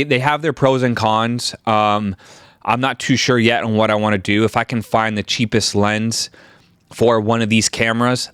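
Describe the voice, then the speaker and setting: A man's voice: on the low side, smooth, no echo, studio quality. A man presenting camera gear in a casual vlog, talking in a hesitant, rambling way as if thinking aloud. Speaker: videographer presenting a gear video.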